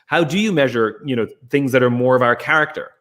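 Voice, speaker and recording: A man's voice: mid-range voice, quick pace, a bit bright. A man hosting a book club discussion, talking eagerly and drawing out ideas from his guest. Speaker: host.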